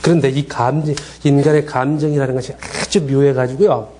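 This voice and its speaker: Soft music plays in the background as a middle-aged man lectures a counseling class in a brisk, medium-pitched voice. He keeps things lively, performing bits of quoted dialogue and putting questions to the students.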